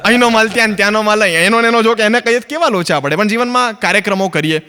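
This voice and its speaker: A man's voice: sits high, rapid-fire, pushed and bright, smooth, long reverb tail. A man from Ahmedabad with an Ahmedabadi Gujarati accent doing a stand-up comedy monologue, chatty and acting out both sides of his stories. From Ahmedabad, Gujarat, India. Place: stage, filmed for a comedy recording.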